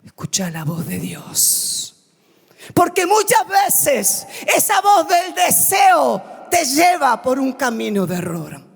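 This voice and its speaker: A woman pastor preaching a sermon, calling out loud and then dropping suddenly to quiet asides. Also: high-pitched, very animated, slow, gravelly, in a large hall. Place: church.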